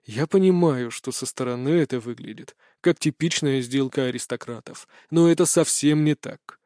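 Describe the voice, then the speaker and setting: A man's voice: medium pitch, moderate pace, mellow, no echo, studio quality, close to an everyday voice. A man voicing an irritable aristocratic father who blusters and turns cold and threatening in an audiobook. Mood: placating. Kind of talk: audiobook character voice.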